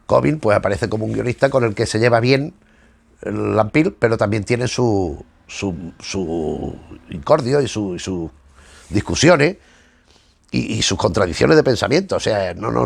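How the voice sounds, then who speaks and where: Paging through comic books, this channel host gives an informal spoken review, stumbling a bit and echoing his own words as he searches for the next idea. His fairly low voice is animated and creaky with a breathy edge, at a normal speed. The audio has no echo.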